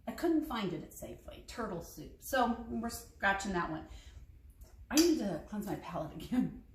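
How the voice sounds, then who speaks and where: A woman's voice: a little high, fairly bright tone. A woman taste-testing recipes in a casual kitchen vlog, chatty and frank with hesitant asides. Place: home kitchen. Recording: echoey kitchen, clinking dishes.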